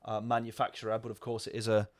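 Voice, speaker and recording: A man's voice: fairly low pitch, monotone, fast talker, dry recording, studio quality. A man talking casually over a racing game stream, rambling and answering viewer chat. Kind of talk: casual gameplay commentary.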